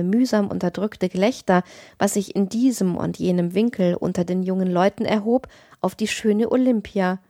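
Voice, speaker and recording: A woman narrating a classic tale as an audiobook reader, in a measured, expressive reading. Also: mid-range voice, no room sound, studio quality.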